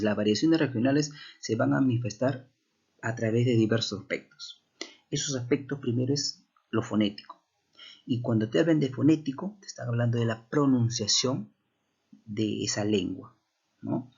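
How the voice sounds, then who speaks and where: A man's voice: mid-range voice, moderate pace, vocal fry, a little mellow, husky, dull audio. A man teaches a language class, explaining step by step and often checking in with rhetorical questions.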